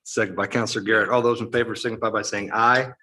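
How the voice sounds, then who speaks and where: A man chairing a town council meeting, rattling off motions and vote calls in quick succession. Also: on the low side, fairly even intonation, creaky, bright, forceful tone, poor audio.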